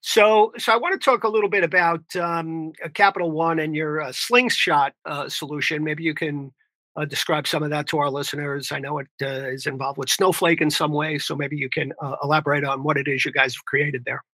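A podcast host from New York with a bright, tense, fairly high voice. He asks his questions casually and fills the gaps with fillers, and the recording is dry and close. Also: fairly even intonation, brisk, dry recording. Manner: conversational, many fillers. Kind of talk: podcast interview.

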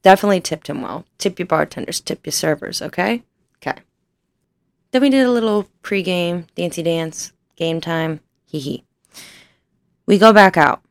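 A woman's voice: fairly low pitch, normal speed, gravelly, no room sound. A young woman in her twenties telling a rambling, self-deprecating story in casual chat, laughing often and swearing freely.

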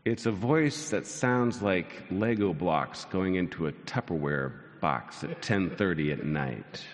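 A man's voice: low voice, animated, takes it slowly. A pastor in his sixties preaching a sermon, telling stories with dry self-mocking humor and building to soaring lines. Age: 60s. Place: large church sanctuary. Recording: long church hall reverb.

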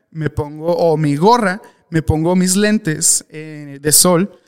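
A man's voice: high voice, clean tone. A young adult man with a Mexican accent, hosting a podcast and telling a story candidly, with restarts and acted-out dialogue. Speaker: podcast host. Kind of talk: casual storytelling monologue.

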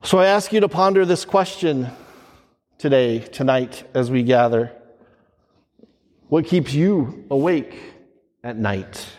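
A priest reading the Gospel and preaching in a slow, measured liturgical manner, his voice carrying a long cathedral-like echo. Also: medium pitch, expressive, darkish tone. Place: large church. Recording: church hall with long reverb.

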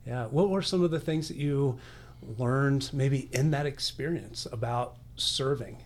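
A man's voice: medium pitch, measured pace. Man hosting a church podcast interview. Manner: encouraging, affirming interviewer. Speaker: podcast host.

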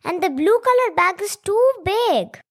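A woman's voice: very high-pitched, big pitch swings, a little slow. A young girl with a South Indian accent in a family dialogue, using Indian English phrasing. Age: child. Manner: Indian English phrasing, addresses father as Appa. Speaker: co-host, storyteller's child.

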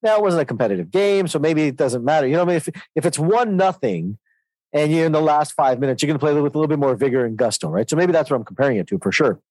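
A middle-aged man hosting a podcast, telling a relaxed personal story in casual conversation. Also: on the high side, very fast, no echo, poor audio. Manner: easygoing anecdotal storyteller. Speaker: podcast host.

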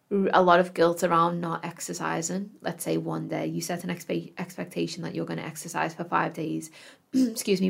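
A woman's voice: fairly low pitch, vocal fry, darkish tone. A woman podcast host speaking in an earnest, affirming self-help influencer manner, reflecting aloud and addressing the listener directly.

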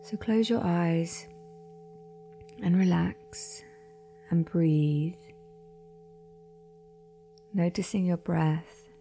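A woman leading a guided meditation in a slow, soft-spoken voice that often drops into a half-whisper. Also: lowish voice, vocal fry, slightly rough.

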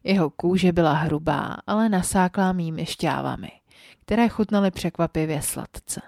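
A woman narrating a story for her podcast in a soft, intimate voice that often sinks close to a whisper. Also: lowish voice, gravelly, dry recording. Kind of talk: scripted audiobook-style story narration.

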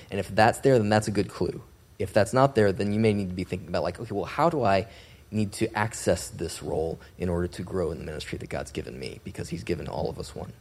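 A man's voice: sits low, a little mellow. A man teaching a church class informally, earnest, restarting phrases and posing questions to his listeners.

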